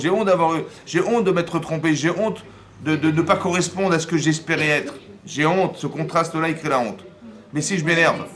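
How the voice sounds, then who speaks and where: A man, a rabbi, giving a lively Torah class, often acting out dialogue and asking his listeners whether they follow. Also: a little high. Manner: acts out dialogue in first person.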